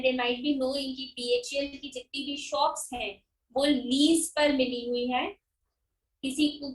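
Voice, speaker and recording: Woman teacher, slow and repetitive, echoey room a bit far from the mic. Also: high-pitched. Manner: explains slowly, repeats key terms and checks understanding. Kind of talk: recorded finance lecture.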